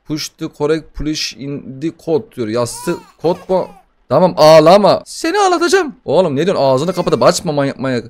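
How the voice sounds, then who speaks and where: A young man doing casual gaming commentary, excitable and profane, bantering with the game as he plays a horror title. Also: a little high, normal speed. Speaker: gaming YouTuber.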